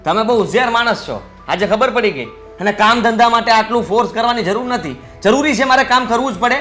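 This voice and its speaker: A smug, idle young son argues back at his father with mocking retorts. His voice is high and bright, and faint music plays under him. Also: lively intonation, fairly quick, full character voice. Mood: defiant. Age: young adult.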